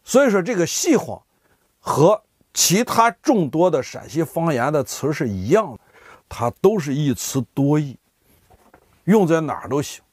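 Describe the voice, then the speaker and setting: This vlogger has a fairly high voice at normal speed, slightly rough, with clean studio sound and no echo. Talking casually to camera, he explains local words and animatedly acts out everyday examples, frequently taking on the voices of ordinary speakers.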